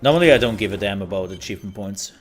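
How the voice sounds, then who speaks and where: A man's voice: lowish voice, animated, very fast. A man giving casual commentary as he plays a video game and hosts the playthrough. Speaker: gamer, let's play host. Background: game music.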